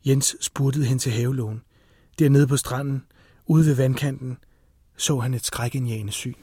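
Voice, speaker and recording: Casting: a man narrating a thriller, mid-pitched and husky, plain middle range. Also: no echo, studio quality. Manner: steady, tense storytelling. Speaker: audiobook narrator. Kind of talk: scripted narration.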